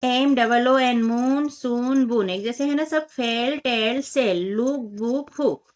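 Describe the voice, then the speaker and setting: Female teacher, patient step-by-step children's lesson, slightly high voice, muffled recording. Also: slow pace. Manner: patient, explains step by step, addresses children as 'बच्चों' and 'बेटा'. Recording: dull lo-fi voice recording.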